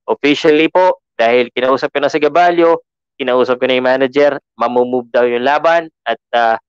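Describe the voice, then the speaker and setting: A podcast host with a Filipino accent, from the Philippines, speaks at a moderate pace in a clean, medium-pitched voice. His style is casual and chatty, mixing languages with many fillers and restarts. There's no room sound, and the audio is lo-fi.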